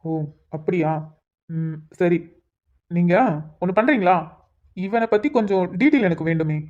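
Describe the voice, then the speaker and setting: A woman voicing a calm, reassuring male police inspector in a cartoon, speaking steadily and with authority. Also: on the low side, measured pace, muffled recording, lightly acted. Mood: thoughtful. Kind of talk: cartoon voice acting.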